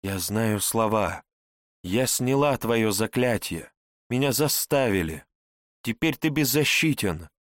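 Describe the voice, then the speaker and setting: A man's voice: on the low side, lively intonation, slow pace, no echo, studio quality. A man voicing a tormented young witch woman who begs desperately for help, read in an audiobook. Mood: desperate pleading. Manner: desperate, begging.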